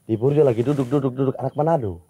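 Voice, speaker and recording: A man's voice: mid-range voice, racing, mellow, slightly rough. A man in a casual chat, telling an anecdote in a chatty way. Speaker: podcast co-host.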